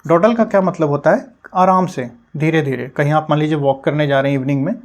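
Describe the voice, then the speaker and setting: A man's voice: a little high, fast. A young man teaching English vocabulary for exams, patiently explaining word meanings in Hindi with English terms mixed in. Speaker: exam-prep English teacher.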